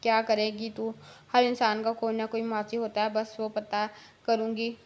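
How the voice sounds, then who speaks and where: A woman voicing a bold, sharp-tongued young woman who teases and scolds her friend, reading a story aloud. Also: on the high side, completely flat delivery, normal speed, natural voice. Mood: scheming. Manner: scolding, mocking, blunt.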